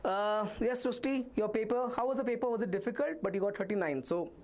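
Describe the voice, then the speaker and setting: A man with an Indian accent teaches a live online maths revision class, reassuring students and reading their comments aloud. His high-pitched voice is fast and a little mellow, with a slight hiss or hum.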